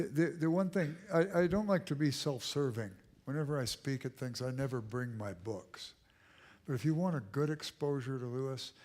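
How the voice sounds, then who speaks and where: A man with a mid-range, somewhat mellow voice speaks as a guest lecturer in a church auditorium, taking questions from those attending. He leans on emphatic repetition, sometimes lowering his voice nearly to a whisper.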